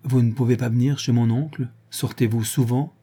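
A man's voice: medium pitch, steady tone, normal speed, warm tone, husky, close to an everyday voice. A man voicing a spoiled, evasive young aristocrat who speaks petulantly and insistently. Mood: coaxing.

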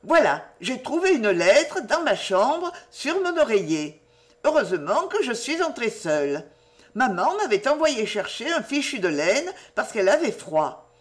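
A woman voicing a giddy, mischievous teenage girl who chatters excitedly in a raised, lively voice. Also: a little high, unhurried, pitched above the performer's own voice. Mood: teasing.

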